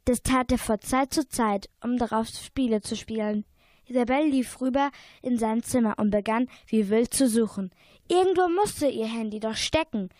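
A woman's voice: on the high side, normal speed, a little mellow, no room sound. A young female narrator reading a youth radio play steadily, with small slips now and then.

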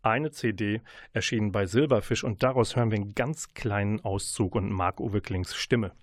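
Ein Radiomoderator stellt locker Bücher und Hörbücher vor, oft mit kleinen Ähs. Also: male voice, lowish voice, moderate pace, dry recording, studio quality. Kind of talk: Radiomoderation, Buchvorstellung.

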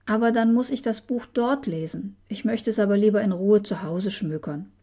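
A woman voicing a small, curious male dust mouse with a lively, wide-eyed manner, read aloud from a storybook. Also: mid-range voice, normal speed, lightly acted. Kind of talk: storybook reading.

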